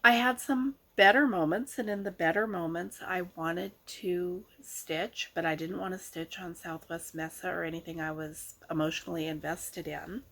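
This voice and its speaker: Husky, under-the-weather woman vlogger. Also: fairly low pitch, a bit bright. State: sick with a sore throat, slightly hoarse. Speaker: craft vlog host. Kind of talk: casual vlog chat.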